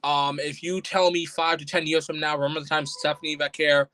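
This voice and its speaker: A man's voice: on the high side, little pitch movement, brisk, pushed and bright, no echo, low-quality recording. A man hosting a casual solo podcast review, talking bluntly and with exasperation, and a little out of breath. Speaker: podcast host.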